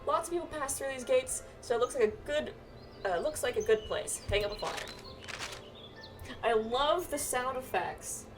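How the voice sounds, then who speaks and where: A game streamer with a high, expressive voice chats casually at a moderate pace through a playthrough, reading the on-screen text aloud and stumbling now and then. Game music plays in the background.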